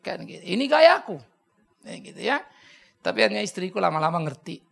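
A man preaching to a congregation, joking and animated, with sudden loud booming bursts. His voice swoops widely in pitch and carries a gravelly rasp, and its tone is bright and forceful. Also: fairly quick. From Medan, North Sumatra, Indonesia. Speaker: pastor. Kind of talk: lively sermon with questions from the congregation.

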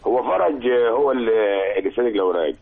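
Caller on a dull phone line, very quick, polite. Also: male voice, medium pitch, very animated, gravelly. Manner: polite, deferential. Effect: over the phone. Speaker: radio quiz caller.

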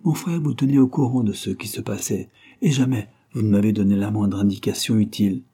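A sharp, sneering young man hungry for success, voiced by a male reader of an audiobook. The voice is pushed up and louder than the narration yet keeps a dark, husky timbre. He snaps with impatience and scorn. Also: lowish voice, a little fast. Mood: petulant, scornful. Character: bitter ambitious young provincial man.

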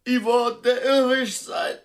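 A woman's voice: a little high, flat delivery, slow pace. An actress playing an overwrought, self-pitying woman who sees herself as the clown among her friends, ranting theatrically in a radio drama. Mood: tearful.

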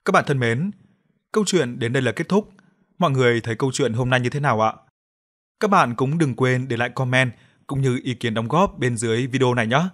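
A man acting as storyteller, narrating a scripted ghost story in a steady, even manner and greeting his channel's viewers. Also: mid-range voice, a little fast.

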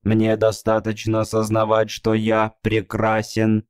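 A man voicing a vain, self-admiring male robot with a creaky, cold, slow voice in an audiobook. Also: on the low side, completely flat delivery, dry recording, studio quality, natural voice.

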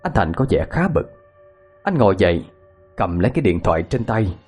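A man's voice: deep voice, very animated, fairly quick, a little mellow, slightly rough. Guy telling a ghost story, suspenseful, voice goes up and down a lot, faint music behind. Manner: dramatic, suspenseful.

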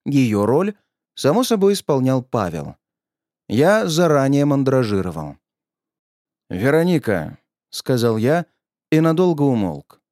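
A man reading a first-person story aloud, wry and deadpan, acting out the dialogue. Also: mid-range voice, unhurried, no echo, studio quality. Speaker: audiobook narrator. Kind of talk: audiobook narration with dialogue.

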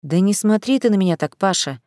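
A woman reading a gruff middle-aged male police boss, blunt and grumbling, in a storybook reading. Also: medium pitch, lively intonation, fairly quick, a little mellow, no room sound, studio quality, lightly acted.

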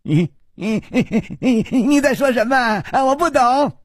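A man's voice: very high voice, expressive, a little slow, slightly rough, no echo, studio quality, voice pushed up, exaggerated voice. A man voicing a young nobleman who feigns madness, stammering, shrieking and giggling like a child. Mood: shrill.

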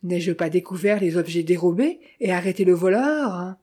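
A woman voicing a sly, smooth-talking male Italian bandit who mocks with false friendliness, in a storybook reading. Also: fairly low pitch, normal speed, warm tone. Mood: mocking.

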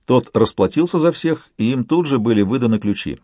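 A man reading a novel aloud in steady, measured scripted narration. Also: mid-range voice, dry recording. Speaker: audiobook reader.

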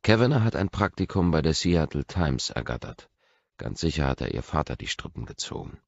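A man reading a first-person audiobook narration in a measured, restrained way, on a dry, dull lo-fi recording. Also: rumbling low, sing-song, vocal fry, dry recording.

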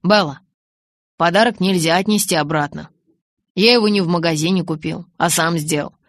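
Picture a teenage boy from a storybook, half teasing and half hurt, who leans in and won't let a question drop, as a woman narrator voices him. He talks with a low, steady voice and a louder push than the surrounding narration. It is a dry, close recording with no room around it. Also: normal speed, no room sound, natural voice. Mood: earnest. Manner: pleading, then moping and pressing.

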